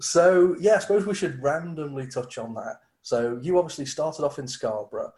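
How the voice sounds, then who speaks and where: A man's voice: a little high, normal speed, a little mellow. A man hosting a podcast, chatting informally and joking with his guest. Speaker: podcast host. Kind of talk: casual chat.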